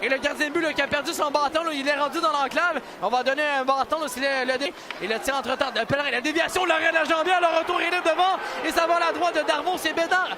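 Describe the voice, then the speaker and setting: A man with a Quebec French accent giving excited play-by-play hockey commentary over a loud arena crowd and music. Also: very high-pitched, noisy background. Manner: rapid play calls rising to shouted goal calls.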